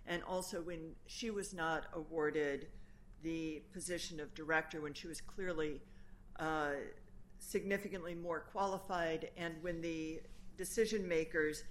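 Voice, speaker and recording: A woman attorney with a slightly low voice addresses an appellate bench in formal oral argument. She argues earnestly, pausing on fillers as she lays out her case, with faint noise behind her. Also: steady tone.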